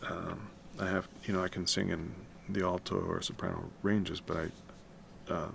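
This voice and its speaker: Working through the night in his home room, a music composition streamer murmurs along in an unhurried deep baritone with vocal fry. He's laid-back and rambling, swearing casually and staying quiet so as not to make noise. You can clearly hear typing and other background sounds.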